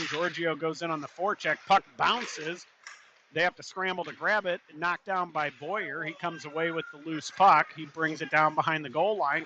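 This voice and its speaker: A man's voice: a little high, lo-fi sound. Man calling youth hockey play-by-play. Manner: steady running play-by-play, rises on shots. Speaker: play-by-play commentator. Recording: noisy arena ambience.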